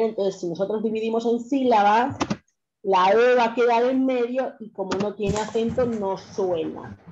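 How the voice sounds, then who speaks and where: A woman's voice: mid-range voice, warm tone. A woman teaching an online language lesson, explaining patiently and checking constantly that her students follow. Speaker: French teacher. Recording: dull lo-fi online class audio.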